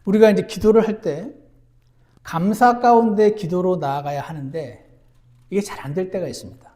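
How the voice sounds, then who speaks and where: High-voiced, mellow male pastor preaching. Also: moderate pace. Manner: earnest, swings from emphatic to hushed. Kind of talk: sermon. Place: church.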